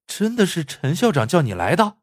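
A man's voice: on the high side, huge pitch swings, normal speed, no echo, clean studio sound, pitched above the performer's own voice. A man voicing a pushy, hot-tempered male construction boss who talks in a brusque, scolding way. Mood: indignant.

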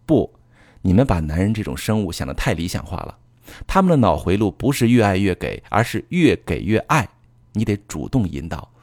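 In this relationship advice monologue, a man with a deep, somewhat dark voice speaks straight to his audience, instructing and explaining with sincerity. His pitch shifts constantly. The sound is close-miked and dry, without any echo.

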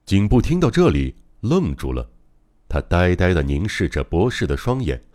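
A man's voice: low voice, warm tone. A man narrating a mystery novel as an audiobook, in a dramatic, suspenseful reading. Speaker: audiobook reader.

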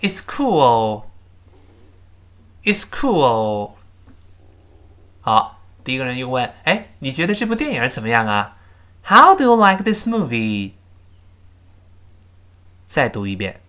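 A man teaching spoken English in a recorded lesson, explaining each phrase and then reading it slowly for repetition. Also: mid-range voice, sing-song, fairly bright tone.

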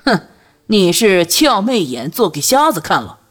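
A woman's voice: medium pitch, very animated, measured pace. A woman voicing a ruthless masked male swordsman in an audiobook, with a cold, mocking manner. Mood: sneering. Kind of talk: audiobook character voice.

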